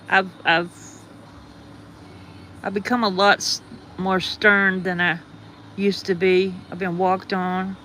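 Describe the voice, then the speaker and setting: A woman's voice: medium pitch, a bit bright, slight background noise. A woman hosting a livestream with a groggy morning voice, rambling casually and greeting her viewers. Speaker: livestream host.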